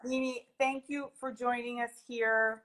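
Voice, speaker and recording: A woman's voice: fairly high pitch, little pitch movement, measured pace, crowd noise, rough recording. A woman hosts a livestream interview over a video call. She speaks in an upbeat, effusive way, heaping praise on her guest and steering the conversation along. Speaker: host, community manager.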